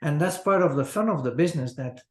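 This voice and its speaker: An older man from Belgium, a chocolatier, talking in a halting, casual way with many fillers over a video call from an office. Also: a little high, expressive, roomy sound. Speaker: chocolatier guest. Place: office with large window. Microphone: video call webcam.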